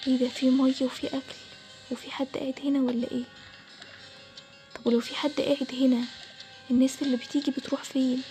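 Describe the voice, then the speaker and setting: A woman's voice: sits high, level tone, fast talker, long pauses, faint music behind, close to an everyday voice. A woman with an Egyptian accent voicing a bold young boy who confidently reassures and coaxes. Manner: confident, reassuring, hushed at times. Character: bold young boy Adam, daring treasure hunter.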